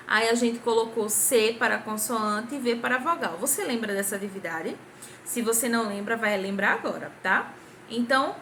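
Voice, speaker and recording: A woman's voice: fairly high pitch, fairly bright tone, slight background noise. A young adult woman with a Brazilian Portuguese accent, a primary school teacher recording a patient grammar review for children, asking the class questions and clapping out syllables.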